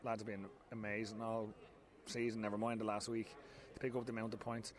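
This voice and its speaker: Irish man in his forties, football manager, rapid and candid, stop-start phrasing, recorded pitchside at night. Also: level tone. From Ireland. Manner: frank, repeats himself, many restarts. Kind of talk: post-match interview. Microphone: handheld mic held close.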